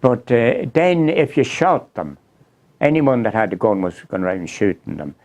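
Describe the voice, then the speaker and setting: A man's voice: medium pitch, expressive, moderate pace, a little mellow. Plain-spoken older Northern Irish man. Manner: plain-spoken, brief rural answers. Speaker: interview guest, local walk guide. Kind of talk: casual reminiscing chat.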